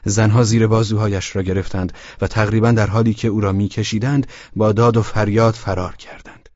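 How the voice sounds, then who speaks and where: A man narrating a novel as an audiobook in a steady, measured reading. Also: lowish voice, no room sound. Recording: dull lo-fi dry recording.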